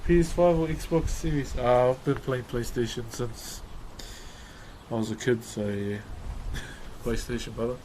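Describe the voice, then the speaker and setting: A man's voice: medium pitch, steady tone, a little slow, darkish tone. A man with a New Zealand accent chatting casually on a livestream in a laid-back, slangy way as he answers viewers. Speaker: live streamer. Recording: clearly noisy background ambience.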